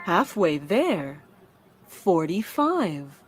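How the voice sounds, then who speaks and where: A woman calling bingo numbers with their rhyming calls, slow and measured. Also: lowish voice, very animated. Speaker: bingo caller. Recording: loud music playing underneath.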